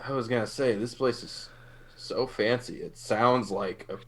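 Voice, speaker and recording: A man's voice: mid-range voice, unhurried. A man playing in a tabletop game, casually asking playful, joking questions. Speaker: player.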